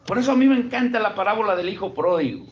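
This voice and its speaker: A man's voice: high voice, lively intonation, fast talker, highs cut off. A middle-aged man with a Mexican accent, a pastor giving a conversational sermon and asking his congregation questions. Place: church service.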